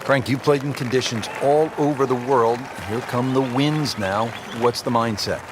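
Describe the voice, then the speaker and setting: A man doing golf commentary, calling shots in measured descriptive lines and putting questions to his partner. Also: medium pitch, crowd noise, noisy background, close to an everyday voice. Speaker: golf commentator, play-by-play host.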